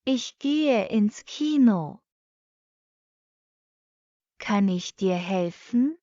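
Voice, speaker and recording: A woman reading short practice sentences for a language lesson, saying each one twice, slowly and evenly. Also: medium pitch, lively intonation, warm tone, no echo. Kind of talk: slow repeated phrase reading for learners. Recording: dull lo-fi dry recording.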